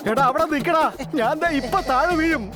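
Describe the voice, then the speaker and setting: A woman's voice: high-pitched, fairly quick, lightly acted. A woman voicing a clever, bossy male parrot in a cartoon dub, lecturing his friends. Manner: know-it-all lecturing. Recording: music behind.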